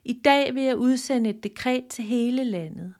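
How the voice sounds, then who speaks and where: A woman's voice: a little high, darkish tone, pitched above the performer's own voice, lightly acted. A woman voicing a proud male human king who speaks emphatically. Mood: moved. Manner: emphatic, exclaiming questions. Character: proud human king, hasty then humbled.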